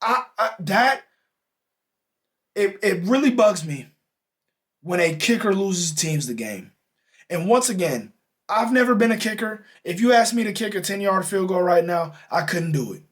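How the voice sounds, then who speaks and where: A young man hosting a podcast, ranting in a heated, exasperated way about a football game and straining a voice he says is going hoarse. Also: sits high, expressive, measured pace. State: losing his voice. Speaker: podcast host. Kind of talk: animated sports reaction rant.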